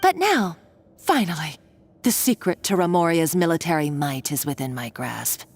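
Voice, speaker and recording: An actress playing an obsessive, ruthless treasure hunter who speaks in a gloating, dramatic way. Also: female voice, sits low, lively intonation, normal speed, darkish tone. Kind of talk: video game voice acting.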